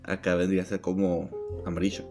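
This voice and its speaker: A man with a low voice talks fast over soft background music. A podcast co-host with a Venezuelan Spanish accent partly tinged by Argentine lilt, he is a lively storyteller on a casual show, acting out quoted dialogue in his stories.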